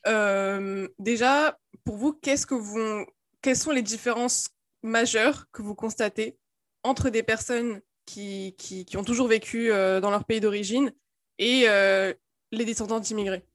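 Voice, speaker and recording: A woman co-hosting a casual podcast, introducing guests and asking questions in friendly, halting phrases. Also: a little high, steady tone, dry recording, clean studio sound. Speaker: co-host.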